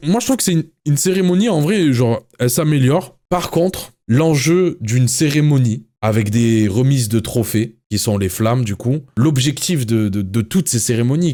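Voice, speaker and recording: A man's voice: mid-range voice, darkish tone. A male streamer in casual chat, slangy and rambling, with many fillers and restarts.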